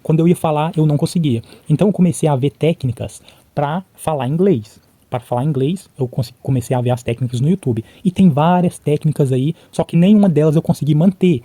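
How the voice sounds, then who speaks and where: Fast, dark-voiced chatty man. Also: fairly high pitch, no room sound. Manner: chatty, frequent "tá?" and "né?" check-ins; replays conversations by imitating both sides. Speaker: vlogger. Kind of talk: casual talk to camera about learning English.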